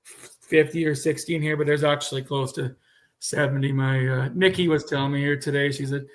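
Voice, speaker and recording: Thirties cattle breeder, man from Canada, slightly high pitch, easygoing rambling chat. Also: a little fast. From Manitoba, Canada. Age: 30s. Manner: relaxed rambling with restarts. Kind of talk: casual chat.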